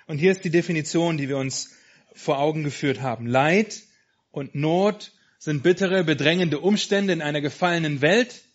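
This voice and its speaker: An earnest man leads a sermon, praying and then reading aloud. His voice is a touch high, with small hesitations. The recording sounds dull and lo-fi. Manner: earnest, halting with fillers. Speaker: preacher. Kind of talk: sermon with prayer and read-aloud.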